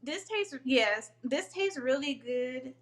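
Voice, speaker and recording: A woman guest cook on a live cooking stream, excited and laughing as she tastes her dish. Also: high-pitched, takes it slowly. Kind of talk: casual live cooking chat.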